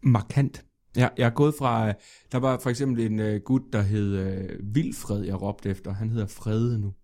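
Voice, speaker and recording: Lively, laughing male comic guest. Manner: lively storyteller, laughs often, pitch leaps up. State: sore, strained voice. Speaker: guest comedian. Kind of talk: casual podcast chat.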